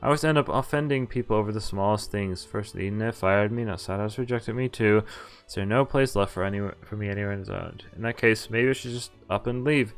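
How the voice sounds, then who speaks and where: A man with a fairly low-pitched voice talks fast while streaming a visual novel, reading its text aloud and now and then tripping over words and going back to reread them. Game music plays behind him.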